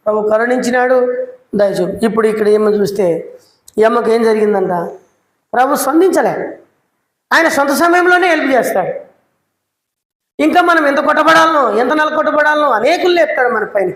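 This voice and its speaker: A man's voice: very high voice, moderate pace, pauses often, a bit bright. A man preaching a sermon in a prayer hall, emphatic and full of rhetorical questions. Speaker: church preacher.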